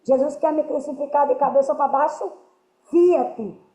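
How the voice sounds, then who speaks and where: A woman's voice: sits high, moderate pace, warm tone. A woman giving earnest spiritual teaching to a group, often checking that her listeners understand. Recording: roomy, dull lo-fi sound.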